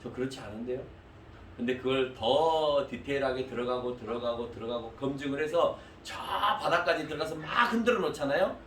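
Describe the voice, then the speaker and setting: A male pastor preaching a sermon in a church hall, animated and speaking directly to the congregation. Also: medium pitch, a little fast, few pauses, a little hiss or hum. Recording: echoey hall, mic at a distance.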